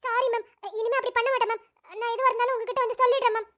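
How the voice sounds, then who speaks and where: A woman's voice: extremely high pitch, little pitch movement, very fast, highs cut off. A woman voicing an anxious young female student in a cartoon who pleads with her friend and apologises to a teacher. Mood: flustered. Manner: pleading, flustered. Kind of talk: cartoon voice acting.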